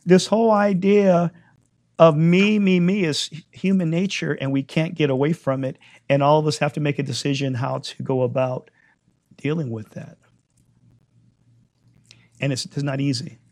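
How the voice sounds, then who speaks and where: A man leading prayer and preaching a sermon, his voice hoarse while it recovers, given to emphatic repetition. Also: on the high side, steady tone, moderate pace, pauses often, a little mellow. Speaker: congregation leader.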